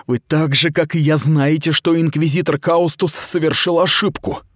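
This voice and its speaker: A man's voice: on the high side, steady tone, normal speed, dry recording, clean studio sound, voice pushed up, lightly acted. Man voicing a defiant young woman investigator. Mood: urgent. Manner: urgent, defiant, pleading.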